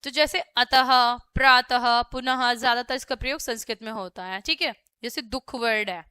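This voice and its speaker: Bright-voiced woman teaching a grammar lesson. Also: fairly high pitch, animated, a little fast, clear, resonant tone, no echo. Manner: patient, explains step by step, often says "theek hai". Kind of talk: Hindi grammar lesson for young children.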